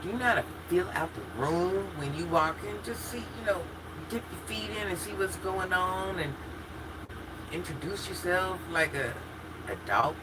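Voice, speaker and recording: A woman's voice: lowish voice, normal speed, noisy background. A woman in her fifties hosting a casual livestream, chatting candidly as she reads and answers viewer comments. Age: 50s. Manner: chatty and candid, talks straight to chat with frequent laughs and restarts. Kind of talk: casual chat.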